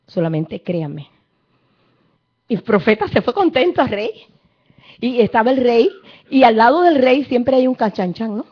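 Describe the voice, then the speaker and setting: A woman preacher, giving a fervent sermon full of Bible storytelling and speaking straight to the congregation. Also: fairly high pitch. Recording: dull lo-fi recording.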